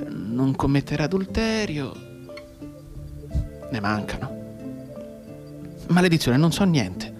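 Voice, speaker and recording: A man with a natural, mid-range voice acts out a radio drama monologue as a despairing young soldier who has been maimed. The performance is brooding and halting, moving back and forth between hushed and agitated.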